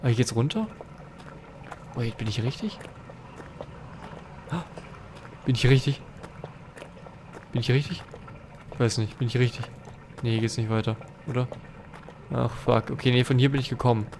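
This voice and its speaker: Over a noisy background, a young man with a mid-range voice reacts live to a horror game as a let's play host. He speaks at a moderate pace with frequent pauses, staying restless and jumpy while cursing and addressing viewers through a facecam and desk mic.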